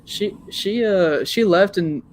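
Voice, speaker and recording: A man's voice: high voice, slow. A man chatting casually as a podcast co-host, speaking in slangy, hesitant phrases peppered with "dude". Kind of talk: casual chat.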